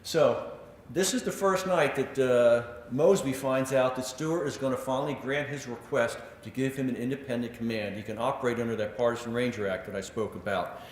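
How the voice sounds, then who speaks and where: A man giving a public history lecture, telling stories with animated delivery and acting out quotes, with frequent filler words. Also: mid-range voice, fairly quick. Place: lecture room. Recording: echoey lecture hall.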